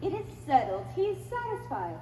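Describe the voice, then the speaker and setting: A woman playing a sly male servant who smooths things over and schemes, in a stage play performance. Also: high-pitched, huge pitch swings, fairly quick, mellow, slight background noise. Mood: placating. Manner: flustered, sly asides. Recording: echoey theater stage from far off.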